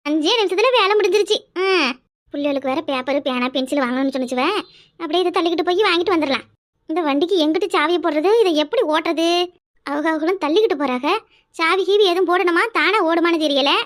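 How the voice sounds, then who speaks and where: A woman voicing a loud, quarrelsome middle-aged village woman in a cartoon, with a scolding, rapid-fire way of talking. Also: extremely high pitch. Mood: grumbling. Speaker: cartoon character. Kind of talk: cartoon voice acting.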